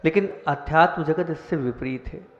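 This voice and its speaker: A man's voice: on the high side, moderate pace. A man monk giving a devotional sermon, explaining step by step and asking the audience questions. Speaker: senior monk giving discourse. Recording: echoey hall, dull lo-fi sound.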